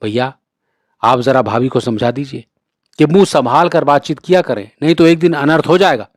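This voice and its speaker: A man voicing a hot-tempered young village man in a read-aloud story, gruff and taunting. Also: mid-range voice, normal speed, no room sound, studio quality, natural voice. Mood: complaining.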